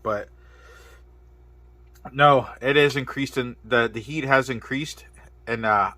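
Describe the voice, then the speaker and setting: Man reviewing food on camera, bright tense tone, dry close sound, gasping at spicy bites. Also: mid-range voice, slow, no echo. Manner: exclaiming between bites, hiccuping from spice. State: mouth burning from spicy food. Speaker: product reviewer. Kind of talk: casual food review vlog.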